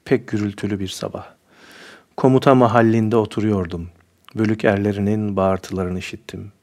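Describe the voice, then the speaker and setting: A man narrating a war memoir aloud in a calm, measured reading. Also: lowish voice.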